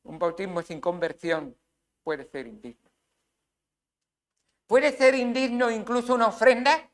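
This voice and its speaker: A man's voice: high voice, a little slow. A man with a Spain Spanish accent preaching a sermon as pastor, emphatic, with rhetorical questions and acted asides.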